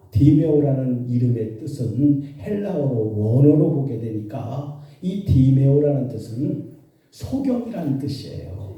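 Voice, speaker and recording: Korean pastor guy preaching, lively swoopy voice, dark tone, super echoey church from far off. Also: mid-range voice. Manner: animated storytelling with voiced quotes. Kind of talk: sermon. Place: church sanctuary.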